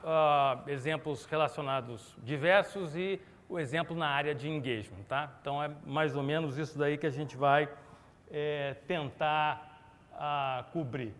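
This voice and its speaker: At a conference hall, a middle-aged Brazilian speaker delivers a chatty, animated corporate keynote, quizzing the crowd and asking for raised hands. He speaks at a moderate pace in a voice on the high side. Long hall reverb colors the recording.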